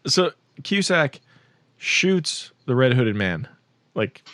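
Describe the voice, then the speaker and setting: A man's voice: medium pitch, sing-song, slow pace, fairly bright tone, dry recording, clean studio sound. A man on a podcast, casually recapping a film plot with lots of fillers and laughter. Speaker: podcast host or guest.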